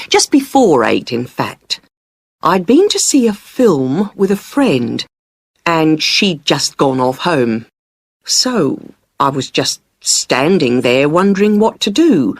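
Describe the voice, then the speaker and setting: An actress playing a chatty female witness, telling a police officer what she saw in a rambling, lively way in a scripted listening test dialogue. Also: fairly low pitch, no room sound, clean studio sound, exaggerated voice. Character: chatty female witness recounting a street bag snatch.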